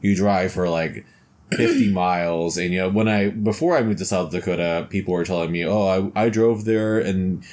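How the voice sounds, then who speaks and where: Male podcast co-host, very low voice, easygoing rambling chat. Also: fairly even intonation, moderate pace, darkish tone. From United States. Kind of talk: casual chat.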